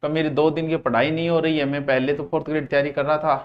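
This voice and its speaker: A middle-aged male teacher runs a grammar lesson. His voice sits high for a man, and he drills each word by repeating it several times. He breaks in with playful scolding asides to his students. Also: flat delivery, fast talker, lo-fi sound.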